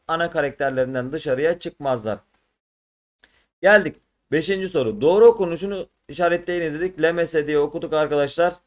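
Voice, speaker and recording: A man as religion teacher, going through exam questions for schoolchildren, explaining each answer and reciting verses. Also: a little high. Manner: addresses pupils as friends, explains and recites verses. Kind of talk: exam prep lesson for schoolchildren.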